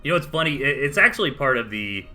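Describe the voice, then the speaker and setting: Very animated and fast, this esports caster has a bright, forceful, mid-range voice and a Southern US accent. He calls a live strategy game match with chatty play-by-play and casual asides while faint music plays.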